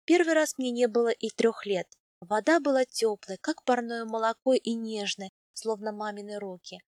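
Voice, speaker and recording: A woman's voice: a little high, moderate pace, darkish tone, dry recording. Woman narrating an audiobook, dry. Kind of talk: first-person scripted narration.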